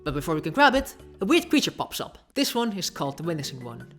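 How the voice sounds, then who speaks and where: A woman's voice: deep voice, big pitch swings, fast, a bit bright, faint music behind. A woman narrating a casual video essay with sarcastic, offhand asides.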